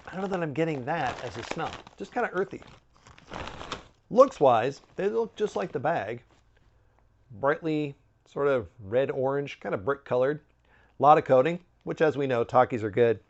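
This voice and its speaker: A man's voice: medium pitch, expressive, normal speed, muffled recording. A man giving a casual, chatty snack review with wry, joking asides.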